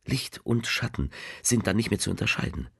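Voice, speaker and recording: A man voicing a letter writer who speaks tenderly to a loved one, reading slowly and softly in a radio play, often sinking into a near whisper. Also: animated, no room sound, clean studio sound, exaggerated voice. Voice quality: very deep, gravelly, husky. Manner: slow, hushed, often half-whispered.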